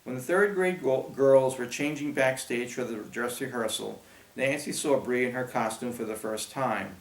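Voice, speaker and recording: A man narrating a children's audiobook in a steady storytelling manner. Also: medium pitch, moderate pace. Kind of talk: scripted narration. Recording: roomy echo.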